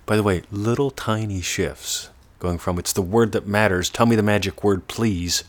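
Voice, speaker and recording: A man giving a meditative self-development lesson, drawing words out slowly and often half-whispering them. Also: low voice, husky. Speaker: teacher.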